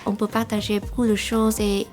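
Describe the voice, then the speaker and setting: A young Vietnamese woman, an international student, giving a halting testimonial in French with a Vietnamese accent and many pauses. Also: mid-range voice, flat delivery, darkish tone, faint music behind.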